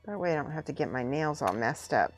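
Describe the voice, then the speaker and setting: A woman's voice: low-pitched, expressive, a little fast. A woman chatting casually on a live stream as she works on a craft, informally thinking aloud and muttering to herself. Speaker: streamer building and painting miniature models. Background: music.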